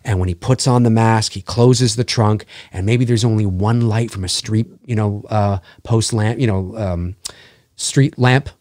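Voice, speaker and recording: A man holds forth as a podcast guest in easygoing conversation. His voice sits a bit low and the recording is dry and close. He talks at length, restarting sentences as he hunts for the right word. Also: fairly even intonation, unhurried, darkish tone, no echo. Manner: talkative, gropes for words and restarts mid-thought. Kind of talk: casual podcast chat.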